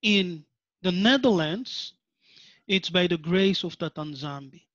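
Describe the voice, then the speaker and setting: A relaxed man with a high voice hosts a casual conversation and gives short, easy replies of agreement. His voice comes through a dull, lo-fi line, and the sound is dry with no room around it. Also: slow pace, no room sound.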